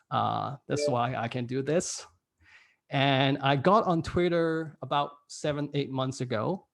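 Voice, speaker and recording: Guy from hong kong teaching a workshop from home, gravelly voice, laughs a lot. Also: mid-range voice. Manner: casual, self-deprecating, laughs often. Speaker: workshop speaker. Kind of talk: online workshop presentation. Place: home room.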